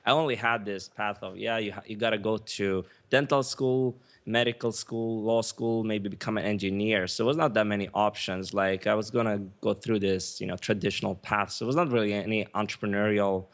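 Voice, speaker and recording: A man from Sweden, a guest on a podcast, talking quickly and filling his speech with "you know". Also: lowish voice, fairly even intonation. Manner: fast, leans on "you know" constantly. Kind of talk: podcast interview.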